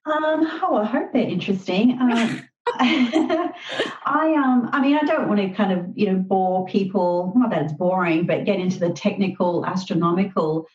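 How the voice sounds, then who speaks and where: A woman's voice: medium pitch, normal speed, darkish tone, lo-fi sound. A woman with an Australian accent chatting casually and modestly as an interview guest. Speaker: podcast guest, astrologer.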